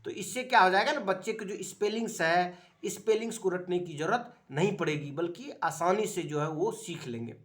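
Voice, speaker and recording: A man teaching a child spelling in a home lesson, coaxing patiently and repeating his prompts, his explanations halting and full of filler sounds. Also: high voice, a bit bright.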